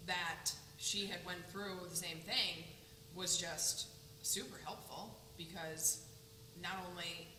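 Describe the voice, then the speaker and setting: A middle-aged woman giving a casual testimonial interview, talking with lots of fillers and a relaxed, chatty manner. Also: fairly low pitch, takes it slowly. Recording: echoey room with long reverb and clear background noise.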